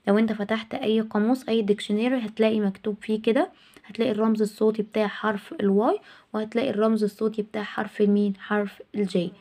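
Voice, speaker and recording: A woman with an Egyptian Arabic accent, teaching a children's English lesson and repeating each phrase slowly. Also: medium pitch, fairly even intonation, mellow.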